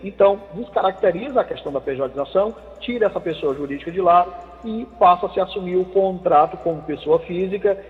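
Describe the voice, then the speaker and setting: A man from Brazil, a labor lawyer, explaining legal points in a measured way over the phone on a radio call-in show. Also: high voice. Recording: thin phone line with long reverb.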